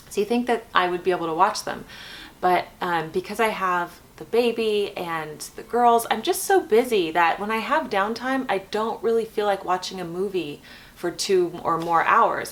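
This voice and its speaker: A woman with a slightly low voice hosts a casual, chatty vlog. She talks freely and informally while keeping quiet, as one does at night with a baby asleep in the next room. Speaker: host of a chat vlog.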